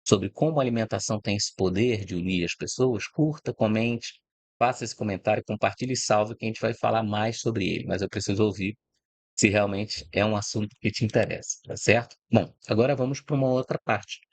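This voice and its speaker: This middle-aged Brazilian, born in Rio de Janeiro, speaks briskly in a lowish voice while hosting his food and agribusiness channel. Talking informally to camera, he reflects and explains point by point, checking in with the listener through frequent "né?" and "tá?". No room sound is audible.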